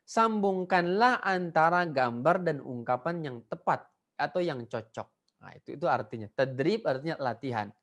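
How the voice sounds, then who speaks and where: A man's voice: fairly high pitch, expressive, normal speed, fairly bright tone. A male Arabic teacher giving a beginner language lesson, patiently repeating each word so learners can echo it.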